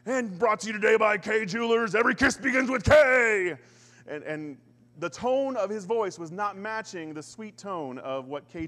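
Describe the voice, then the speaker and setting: A man preaching from the pulpit in a plain, conversational way, dropping light jokes and acting out the verses he quotes. His voice sits a little high for a man. The sound rings out with the long reverb of a church hall. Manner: conversational preaching with humor, animated quoting of scripture. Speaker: pastor. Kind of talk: sermon.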